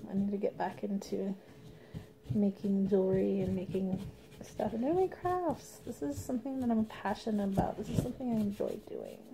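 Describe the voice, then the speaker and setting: A young woman chatting casually while she paints a craft project, rambling and laughing often, sometimes dropping to a soft murmur. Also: mid-range voice, normal speed, creaky, rough recording. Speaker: craft vlogger.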